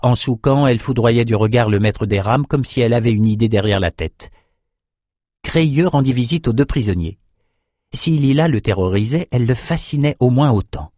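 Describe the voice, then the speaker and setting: A man narrating an audiobook in a measured, even way. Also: mid-range voice, dry recording, clean studio sound. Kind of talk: scripted narration.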